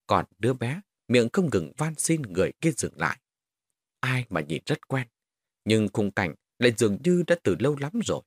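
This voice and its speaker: A man narrates a first-person horror story with dramatic, expressive delivery. His voice is husky, his intonation rises and falls a lot, and the recording is close and dry. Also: mid-range voice, moderate pace, no echo.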